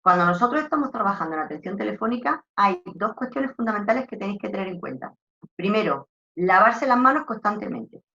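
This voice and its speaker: A woman with an Andalusian accent, a talkative trainer giving a lively lecture on customer service and repeating her points. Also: medium pitch, brisk, muffled recording. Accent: Andalusian Spanish. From Andalusia, Spain. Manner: talkative, animated teacher, repeats herself. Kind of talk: online lecture.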